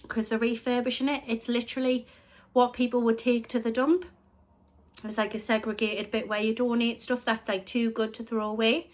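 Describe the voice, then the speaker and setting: Talking through her thrift finds in a casual vlog, this British woman resells items and speaks in a slightly high voice for a woman. She's a bit snuffly with a chest infection, rambling along and often correcting herself.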